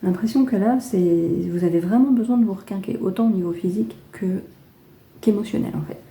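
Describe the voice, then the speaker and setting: A chatty French woman with a dark-toned, medium-pitched voice gives a casual spoken tarot reading, talking fairly quickly. She's hesitant, with many fillers and restarts, yet offers gentle, reassuring advice.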